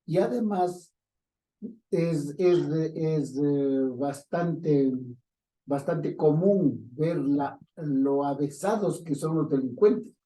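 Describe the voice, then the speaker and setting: A man with an Ecuadorian accent joining a Bible study discussion, explaining in a measured way with some hesitations. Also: fairly high pitch, dark tone. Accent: Ecuadorian Spanish. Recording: distant voice off the mic.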